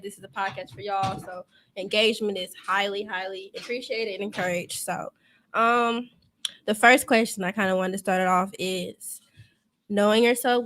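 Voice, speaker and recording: A woman's voice: mid-range voice, a bit bright, a little hiss or hum. A woman of twenty-one with speech, hosting casually and speaking directly to the audience. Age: 20s. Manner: upbeat, addresses the audience directly. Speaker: podcast co-host.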